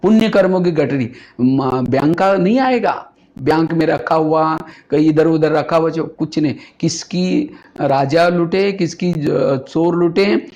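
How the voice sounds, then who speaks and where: A man's voice: fairly high pitch, unhurried, darkish tone. A man giving a spiritual talk, telling stories and asking rhetorical questions. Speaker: spiritual speaker. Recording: dull lo-fi recording.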